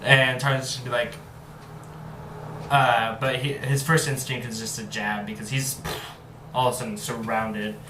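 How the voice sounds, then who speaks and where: A man's voice: medium pitch, level tone, normal speed, pauses often. A young man playing a tabletop game, thinking aloud as he adds up his rolls. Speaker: player. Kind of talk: casual tabletop play. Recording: echoey room, background noise.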